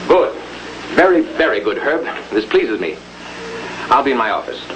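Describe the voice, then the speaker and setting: An American actor playing a calculating older boss in a 1950s television crime drama, speaking with formal, deliberate authority. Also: male voice, medium pitch, sing-song, lightly acted. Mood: approving. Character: commanding, calculating older male boss of a propaganda front. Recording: noisy old 1950s television film soundtrack.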